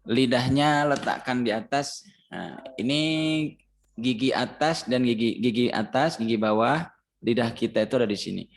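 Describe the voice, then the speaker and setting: A man's voice: medium pitch, normal speed. A man with a Banjar Indonesian accent teaching a Ramadan Quran recitation class. He patiently chants verses as examples and quizzes his students.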